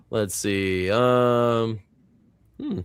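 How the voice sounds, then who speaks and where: A man's voice: mid-range voice, lively intonation, extremely slow, clear, resonant tone, no echo. A man hosting a casual live movie reaction stream. He reads viewer comments aloud and rambles with plenty of fillers. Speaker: host of a movie reaction panel.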